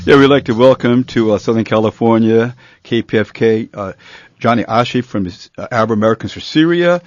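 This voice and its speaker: A man's voice: medium pitch, a little fast, slight background noise. Hesitant male radio host, dull sound. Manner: relaxed, hesitant, many fillers. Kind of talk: live radio hosting.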